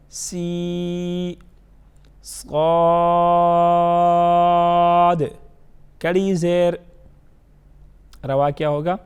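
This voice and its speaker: A man teaching Quran recitation, patiently explaining and sounding out letters slowly, checking often that students follow. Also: on the high side, a little mellow. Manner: drawn-out letter drills, checks understanding often. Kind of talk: instructional lesson.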